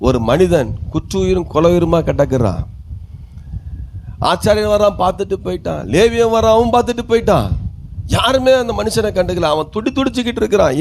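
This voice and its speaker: High-voiced preaching man from Tamil Nadu. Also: a little mellow, slight background noise. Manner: preaching with questions to the congregation and calls of hallelujah. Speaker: pastor. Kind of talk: sermon.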